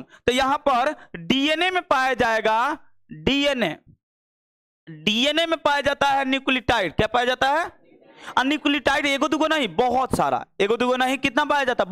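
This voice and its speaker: Man teacher, very high voice, smooth and clear, dry close sound, drills answers by repetition. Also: sharp tone, dry recording. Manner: repeats questions and drills answers. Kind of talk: classroom-style biology lesson.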